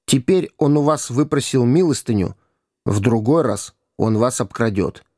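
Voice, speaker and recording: A man's voice: mid-range voice, lively intonation, normal speed, dark tone, dry recording, clean studio sound, close to an everyday voice. A man voicing a haughty boy king in a storybook reading, speaking curtly and coldly. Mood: contemptuous. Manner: curt and cold. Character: proud young boy king, scornful, stubborn.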